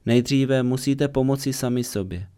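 A man reads a spiritual discourse in a mellow, dark voice. He sounds smooth and resonant, and his delivery is calm, measured and earnest throughout. It is a steady voice-over reading of a meditation talk. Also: mid-range voice.

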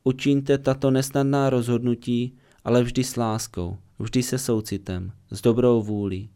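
Male voice-over reader for a meditation talk. Warm and smooth, measured and earnest. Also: medium pitch, fairly even intonation. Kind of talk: calm dubbed reading of a spiritual discourse.

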